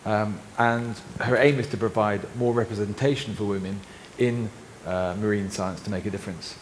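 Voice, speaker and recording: Low-voiced male panel moderator in a hall. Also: moderate pace. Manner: relaxed, with fillers, relays comments and hands over questions. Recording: reverberant hall with faint noise.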